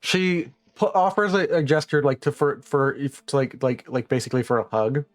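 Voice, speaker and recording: A man narrating a tabletop roleplaying game as game master, improvising haltingly and often repeating words. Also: medium pitch, animated, no room sound, faint music behind.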